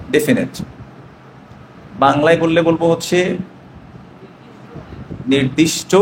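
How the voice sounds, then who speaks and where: A man's voice: fairly high pitch, reverberant, a little hiss or hum. A man with a Bangladeshi Bengali accent teaching an Arabic grammar class, asking questions and answering them himself.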